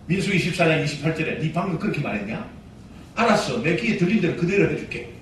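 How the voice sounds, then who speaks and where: A man, a pastor, preaching a sermon with emphatic exhortation that swings between loud commands and quiet asides. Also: fairly high pitch, expressive, fast, recorded from a distance. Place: church sanctuary. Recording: echoey hall, voice heard from afar, faint noise.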